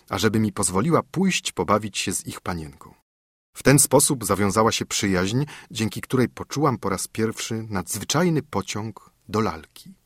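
A man calmly reading a novel aloud in a measured, wistful way. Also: on the low side, breathy edge, no room sound, studio quality. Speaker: audiobook narrator. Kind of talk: scripted audiobook narration.

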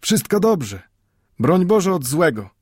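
A man's voice: a little high, big pitch swings, slightly rough, no echo, studio quality, voice pushed up, exaggerated voice. A man voicing an old grandfather, a stern but tender bookbinder, who speaks emphatically with a Yiddish-inflected Polish accent and repeats his points insistently. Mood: wry. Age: over 60. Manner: emphatic, repetitive scolding with drawn-out exclamations.

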